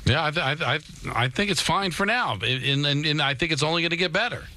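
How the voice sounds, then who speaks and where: Forceful man talking sports on radio. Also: on the high side, expressive, fast. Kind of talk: sports talk radio discussion.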